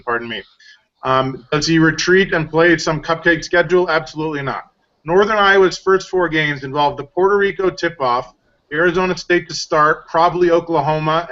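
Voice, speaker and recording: A man's voice: a little high, bright, forceful tone, lo-fi sound. A man on a sports roundtable who makes his case emphatically, laying out points one by one. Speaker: panelist.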